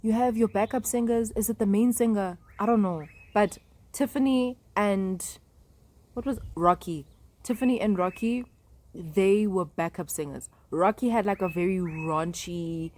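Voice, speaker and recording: A woman's voice: mid-range voice, normal speed, dark tone. A young woman vlogging in a chatty, rambling way, full of fillers and asides. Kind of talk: casual talk to camera.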